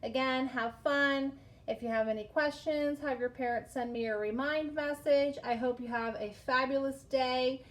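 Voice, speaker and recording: A woman's voice: high voice, fairly even intonation, moderate pace. A woman teaching a craft lesson to preschool children in a patient, sing-song way. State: out of breath from blowing through a straw.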